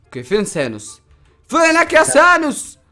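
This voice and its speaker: An excitable young gaming host with an Egyptian Arabic accent, racing through his commentary. His voice sits high and swings widely as he shouts commands and celebrates each hit. He sounds bright and sharp, with faint music under him. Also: a little fast. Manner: excitable, shouts orders and cheers.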